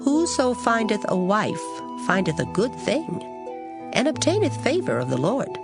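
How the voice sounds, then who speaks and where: A woman reading scripture aloud in a measured, solemn recitation. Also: on the high side, wildly swooping pitch. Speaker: scripture reader. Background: background music.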